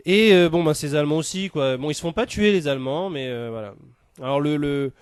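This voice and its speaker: Man, comic monologue, rambling, many fillers, smooth clear voice, dry close sound. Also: fairly high pitch, brisk, no room sound. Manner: rambling, full of hesitations and fillers. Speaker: comic storyteller.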